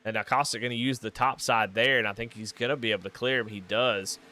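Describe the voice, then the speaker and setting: A man calling a live sim race in casual, folksy play-by-play, getting loud and excited when the cars make contact. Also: medium pitch, fast, slight background noise. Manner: excitable, rising sharply and loud during wrecks; folksy, casual Southern phrasing. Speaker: race commentator.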